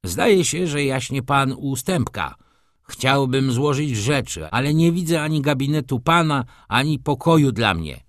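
Smug, bossy valet, raised and lively, talks down to everyone, played by a male narrator; storybook reading. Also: mid-range voice, a little slow, no echo, studio quality, pitched above the performer's own voice. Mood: haughty. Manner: commanding, condescending.

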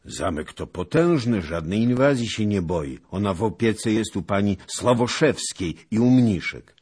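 A man voicing a blustering old nobleman disguised as a beggar, shouting curses in a high, strained voice. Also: expressive, a little slow, slightly rough. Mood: boastful.

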